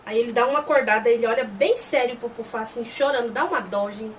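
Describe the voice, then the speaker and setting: A woman's voice: on the high side, fast talker. Woman host recapping an episode, chatty, voices the characters. Slightly distant mic, faint background noise. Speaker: host reviewing a TV series.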